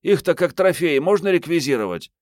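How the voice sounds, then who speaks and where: A man's voice: a little high, lively intonation, fairly quick, darkish tone, dry recording, clean studio sound, voice pushed up, natural voice. A male audiobook reader voicing a bold, teasing young woman fighter. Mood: brash teasing.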